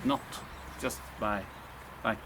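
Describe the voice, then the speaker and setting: Man, gravelly, halting casual talk, faint hiss behind. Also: on the low side, wildly swooping pitch. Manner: halting, searches for words, breaks off mid-sentence. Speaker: podcast co-host. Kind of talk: casual chat.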